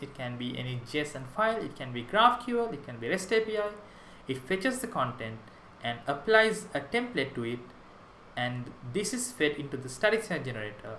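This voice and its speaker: Lively, bright-voiced Sri Lankan man. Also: on the high side, echoey room, a little hiss or hum, rough recording. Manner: enthusiastic, explanatory, with small restarts. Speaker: conference speaker, web developer. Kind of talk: prerecorded conference talk.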